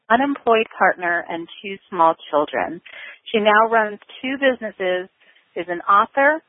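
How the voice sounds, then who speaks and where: A woman's voice: mid-range voice, no echo, narrow, tinny audio. A woman with an American accent hosting a podcast, introducing and interviewing a guest in a chatty, friendly way. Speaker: podcast host.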